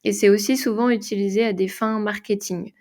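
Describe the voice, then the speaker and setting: A woman of medium pitch answers interview questions about using games in workshops. She thinks aloud as she goes, with frequent hesitations and restarted phrases. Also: fairly even intonation, fairly quick, darkish tone. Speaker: game designer and facilitator.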